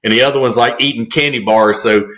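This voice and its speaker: A man's voice: medium pitch, fairly even intonation, fast talker, a bit bright. A man co-hosts a fishing podcast in an easygoing, conversational way, with a mid-range voice. He tells stories with humor and laughs along with his guests. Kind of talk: casual podcast chat.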